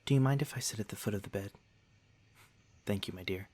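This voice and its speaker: Addressing the listener directly as in ASMR roleplay, a man plays a courteous vampire lord, his voice soft, fairly low and breathy at a quick pace. His genteel, somewhat old-fashioned phrasing carries a gentle, attentive, protective warmth, reassuring throughout.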